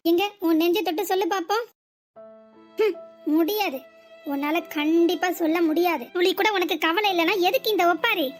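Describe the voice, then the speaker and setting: Woman doing a cheeky cartoon daughter with a southern tamil nadu accent, sarcastic comebacks, super high squeaky voice. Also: moderate pace, faint music behind. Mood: mocking. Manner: mocking, sarcastic retorts. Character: sharp-tongued defiant young married daughter. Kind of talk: cartoon comedy dialogue.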